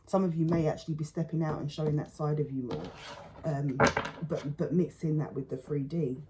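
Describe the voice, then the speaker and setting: In this clip a woman reads tarot in an easygoing way, musing aloud with stop-start phrasing and frequent repetition. She remarks that her voice is low today, and the recording is very noisy.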